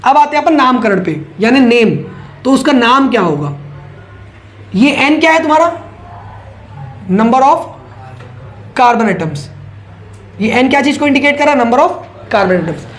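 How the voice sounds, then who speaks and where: Male chemistry teacher with a high voice; casual lecturer who keeps asking questions and answering them. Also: lively intonation, unhurried, long pauses. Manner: asks rhetorical questions and answers them himself; repeats key points for emphasis.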